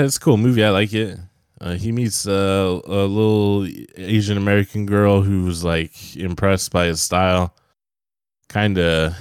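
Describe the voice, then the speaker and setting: A young man talks movies with a laid-back, profane, rambling manner. His voice sits very low and comes across smooth and resonant. The sound is close and dry, with no room around it. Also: no room sound. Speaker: podcast co-host. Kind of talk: casual movie-review chat.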